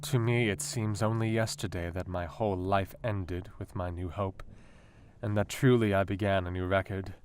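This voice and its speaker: An actor playing a brooding, intellectual Victorian asylum doctor, speaking a measured, formal diary monologue in a radio play. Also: male voice, sits low, steady tone, darkish tone, smooth, lightly acted. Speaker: actor in an audio drama. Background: guitar music.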